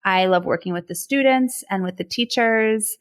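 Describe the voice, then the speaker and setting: A woman's voice: mid-range voice, moderate pace. A woman in her thirties from Ohio, co-hosting a casual podcast, chatty and enthusiastic, often laughing. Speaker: podcast co-host. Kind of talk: casual chat among friends.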